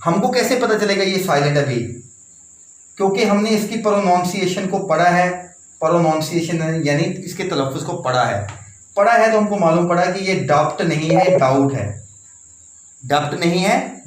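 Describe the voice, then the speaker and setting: A man explaining English spelling and pronunciation to learners, spelling words out letter by letter and repeating his points. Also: fairly high pitch. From Pakistan. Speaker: English teacher. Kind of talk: classroom-style explanation. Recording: echoey room, faint background noise.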